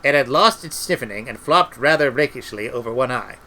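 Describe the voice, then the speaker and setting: Middle-aged male reader, bright voice, animated comic narration. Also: medium pitch, brisk, rough recording. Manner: lively, expressive storytelling. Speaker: audiobook reader. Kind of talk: comic novel reading.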